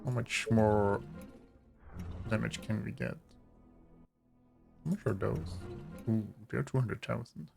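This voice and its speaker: Low-pitched, slightly gravelly man commentating a game. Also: slow, long pauses. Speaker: gamer commentating on own play. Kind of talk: casual gameplay commentary. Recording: faint game music behind voice. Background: video game music and unit voices.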